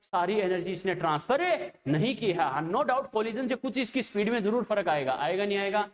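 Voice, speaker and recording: A man with a notably high voice teaches a chemistry lesson. He talks to his students like a fond elder, calling them children and pausing every few phrases to ask whether they are following. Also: expressive. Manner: coaxing, keeps checking understanding with rhetorical questions; addresses students fondly as children. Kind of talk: classroom lecture.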